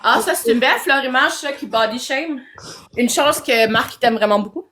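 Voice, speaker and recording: A woman's voice: sits high, moderate pace, noisy background. A woman with a Québécois French accent hosting a live stream, talking casually and encouraging her guest. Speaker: livestream host.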